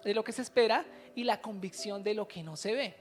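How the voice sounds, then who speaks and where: A woman's voice: medium pitch, brisk, darkish tone, soft background music. A woman preaching a sermon to a congregation, telling a story and asking the listeners questions. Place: church service.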